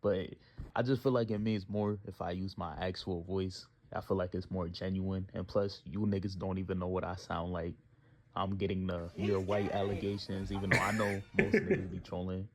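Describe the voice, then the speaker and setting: A man's voice: low voice, flat delivery, normal speed. A man of twenty thanking his viewers in slangy, joking casual talk, recorded on a phone. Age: 20s. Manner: slangy, joking, trash-talking. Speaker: YouTuber.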